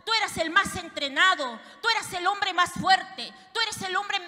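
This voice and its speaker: A woman playing a loud young warrior, rebuking. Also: very high-pitched, moderate pace, voice pushed up, exaggerated voice. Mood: reproachful. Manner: loud, reproachful, emphatic. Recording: reverberant church hall.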